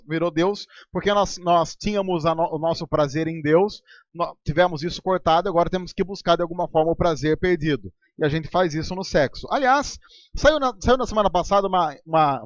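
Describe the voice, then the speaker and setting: A man with a slightly high voice preaches a sermon as pastor in a church hall, speaking with a Brazilian Portuguese accent. He keeps it conversational, adding sarcastic asides and ironic voices, and the audio is dry and dull.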